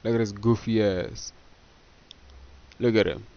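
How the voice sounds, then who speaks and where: Young guy from botswana reacting to a video, low-ish voice, lots of bro, kinda dull lo-fi sound. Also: fairly even intonation, unhurried, gravelly, a little mellow. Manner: loose, slangy, repeats "bro". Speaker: reaction commentator. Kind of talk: casual reaction commentary.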